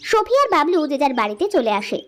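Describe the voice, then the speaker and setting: A woman narrating a cartoon story in a plain, steady storybook style. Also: high voice, fast.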